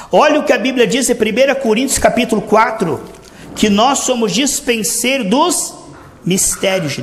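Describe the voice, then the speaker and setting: A man with a high voice preaches with earnest, exhorting fervor, calling his listeners brothers and drawing out key words. The recording sits in a roomy, reverberant space with a faint hum of ambience behind him. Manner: earnest, exhorting, keeps addressing "irmãos", drawn-out emphatic words. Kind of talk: sermon. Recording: echoey room with faint ambient noise.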